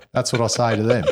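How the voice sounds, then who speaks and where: A man with an Australian accent hosting a podcast, chatting casually through news in a blokey, slangy way. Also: medium pitch. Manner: laid-back, blokey, slangy. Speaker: podcast host. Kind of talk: casual chat and news recap.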